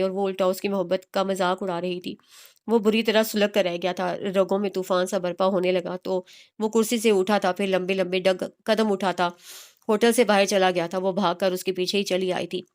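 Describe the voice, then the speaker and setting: A woman narrating a romance novel in a steady, expressive reading style. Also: mid-range voice, fairly quick, smooth.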